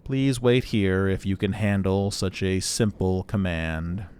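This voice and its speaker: A man voicing a gloomy, condescending male robot, speaking slowly in a weary, contemptuous drawl. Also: deep voice, steady tone, darkish tone, faint music behind.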